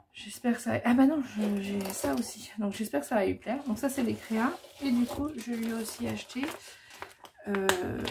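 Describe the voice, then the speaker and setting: A woman's voice: fairly high pitch, gravelly, noisy background. A woman chatting casually as she shows off her scrapbooking crafts, hesitant and full of fillers. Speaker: scrapbooking vlogger. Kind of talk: casual show-and-tell.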